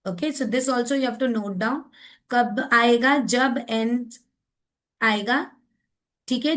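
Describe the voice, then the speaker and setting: A woman teaching phonics rules in a classroom-style lecture, mixing in English and saying example words slowly to check understanding. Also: fairly high pitch, fairly bright tone. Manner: mixes Hindi and English, repeats and checks understanding.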